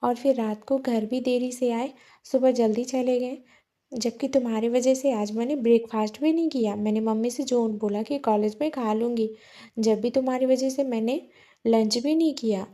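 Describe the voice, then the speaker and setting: A tearful young wife, sharp and accusing, her voice pushed higher than the reader's own, as a woman narrator acts her. Her lines come out louder and hurt in a storybook reading. The tone stays mellow underneath. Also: fairly even intonation, moderate pace, lightly acted.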